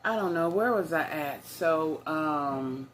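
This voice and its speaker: A woman's voice: deep voice, expressive, slow pace, a little hiss or hum. An older woman, chatting to her viewers in a rambling storytime vlog recorded on her phone. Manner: rambling, conversational, addresses viewers as y'all. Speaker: vlogger.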